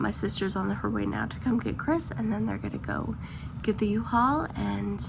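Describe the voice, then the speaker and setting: A woman's voice: medium pitch, vocal fry, fairly bright tone. A young woman with a sore throat who is sick, rambling and venting in a casual vlog at home. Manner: rambling and venting, lots of "like" fillers. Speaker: vlogger. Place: at home indoors.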